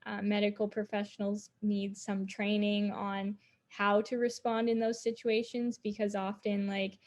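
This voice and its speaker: A woman of middle pitch who speaks in a flat, even tone as a patient guest in an interview. She recounts her experiences earnestly and scatters "like" through her sentences. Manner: many "like" fillers, earnest. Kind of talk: personal account in interview.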